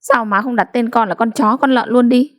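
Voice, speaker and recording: Sulky fiery young wife as a woman reader plays her, sharp and indignant, voice pushed up high. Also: brisk, close to an everyday voice.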